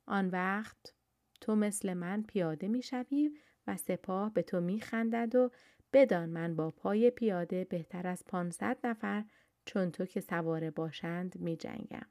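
A woman's voice: medium pitch, dark tone, no room sound, clean studio sound, close to an everyday voice. Rostam, a scornful hero warrior, read by a woman. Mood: mocking. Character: mighty boastful male hero warrior, mocking.

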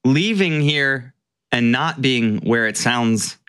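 A man's voice: mid-range voice, expressive, takes it slowly, fairly bright tone, smooth, dry recording. A man co-hosting a podcast in casual, conversational talk, repeating phrases for emphasis. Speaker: podcast co-host. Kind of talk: casual chat.

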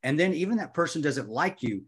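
Husky-voiced man in his fifties. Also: on the high side, lively intonation, brisk. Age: 50s. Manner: earnest, with frequent restarts and repeated words. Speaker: guest, former Army Ranger and firearms instructor. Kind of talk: reflective conversational storytelling.

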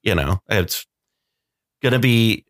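A young man hosting a podcast in a relaxed, chatty way, full of fillers and laughs. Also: lowish voice, slow pace, dry recording, clean studio sound. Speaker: podcast host. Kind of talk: casual podcast chat.

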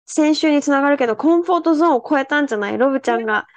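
A Japanese woman co-hosting a casual podcast, telling stories in a lively way and acting out the people she quotes. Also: high-pitched, rapid-fire. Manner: animated storyteller, acts out quoted voices. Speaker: podcast co-host. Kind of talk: casual chat. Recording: dull lo-fi sound.

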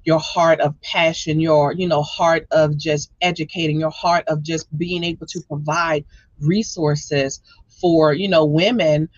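A woman hosts a talk podcast with lots of enthusiasm, her voice low-pitched. The recording is dry and a bit dull, with no room sound. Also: fairly even intonation, unhurried, no room sound. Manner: enthusiastic, gushing. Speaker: show host. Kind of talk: podcast interview hosting.

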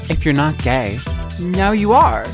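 A woman voicing a slow, spooky intro figure with a teasing, drawn-out delivery. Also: low-pitched, big pitch swings, exaggerated voice. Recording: clear music under the voice.

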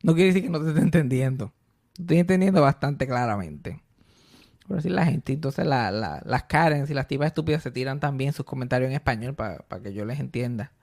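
Gravelly Puerto Rican man chatting. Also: medium pitch, fairly quick. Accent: Puerto Rican Spanish. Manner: animated storytelling, mixes in English, swears freely. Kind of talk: casual chat.

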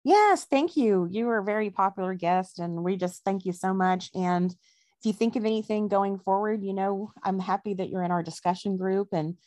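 A woman hosting a podcast in a friendly, chatty voice of middling pitch. She fills pauses with little ums as she talks. The sound is dry and close, with no room in it. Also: a little mellow, no echo. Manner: friendly, chatty, with frequent fillers. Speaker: podcast host. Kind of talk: casual conversational interview.

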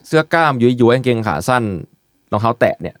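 Man, casual podcast host, relaxed explainer, lots of fillers, dry close mic. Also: mid-range voice, brisk, dry recording. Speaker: podcast host presenting eyewear.

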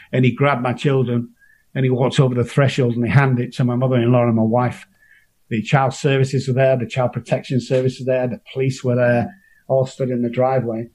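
A middle-aged guest from Manchester, England, shares a personal recovery story in a strong Manchester accent, his voice ordinary in pitch and darkish in tone. He speaks earnestly and with emotion, frequently breaking off and restarting sentences.

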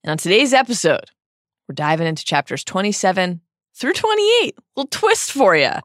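A woman's voice: mid-range voice, very animated, moderate pace, dry recording, clean studio sound. An American woman hosting a podcast, delivering a scripted intro and recap with playful banter and emphatic, dramatic flair. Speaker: podcast host and editor.

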